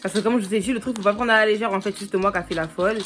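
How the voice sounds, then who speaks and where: A woman's voice: medium pitch, fairly even intonation, rapid-fire, fairly bright tone, soft background music. A young woman chatting casually in a vlog, rambling with many fillers and restarts. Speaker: vlogger.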